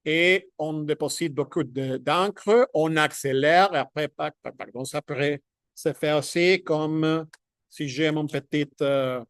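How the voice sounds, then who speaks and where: A man giving a hands-on drawing tutorial, talking in halting bits as he demonstrates and checking in with "ok?" as he goes. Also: a little high, smooth, dry recording, clean studio sound. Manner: halting, thinks aloud while demonstrating; checks in with "ok?" often. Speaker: drawing instructor.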